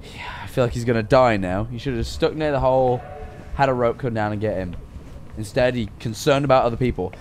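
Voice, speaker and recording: A young man streaming reaction commentary, animated and joking, swearing often. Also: mid-range voice, a little fast, slight background noise.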